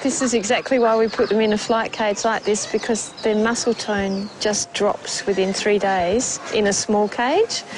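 A woman who runs an animal rescue centre, explaining her work in a relaxed, plainspoken way with many ums and uhs. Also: mid-range voice, moderate pace, hardly any pauses, rough recording. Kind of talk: casual explaining in interview. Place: wildlife rescue farm. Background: background music.

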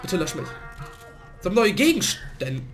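A man commentating his own gameplay in a let's play, a little hoarse from a cold and prone to excited outbursts. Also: sits high, measured pace, soft background music. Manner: excitable, swings to loud outbursts and laughter. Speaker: gaming let's player.

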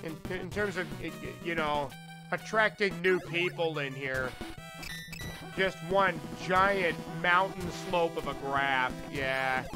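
High-pitched, unhurried male game streamer. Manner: joking, self-deprecating. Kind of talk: casual live gaming commentary. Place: indoor streaming setup. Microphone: microphone on a stand. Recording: retro game music behind voice.

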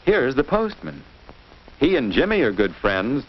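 An American man reads scripted narration for a 1950s instructional film for children, teaching in a didactic way and asking the young listeners questions. His mid-range voice swings widely in pitch at an unhurried pace. The old film soundtrack is muffled and noisy.

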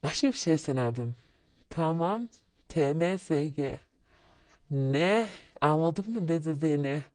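A woman's voice: lively intonation, slow pace, darkish tone, no echo. A woman vlogger chatting casually to her viewers while she types messages, muttering to herself and breaking into sudden exclamations. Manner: sudden high-pitched exclamations. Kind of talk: casual screen-recorded commentary.

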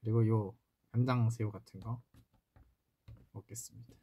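Warm, lowish, and a little breathy, his voice holds fairly even intonation at normal speed. The speaker is a twenty-something idol singer at a desk in a small indoor room, casually chatting on a solo livestream and answering what fans write in.

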